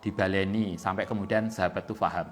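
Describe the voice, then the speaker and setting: A man with a Javanese accent teaching a religious text, reading Arabic and glossing it in Javanese in a relaxed, talky way. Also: low voice, quick pace, soft background music. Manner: explains in plain talk with Javanese word-by-word glosses of Arabic text, many fillers. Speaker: kitab teacher at an Islamic boarding school. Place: boarding school study hall.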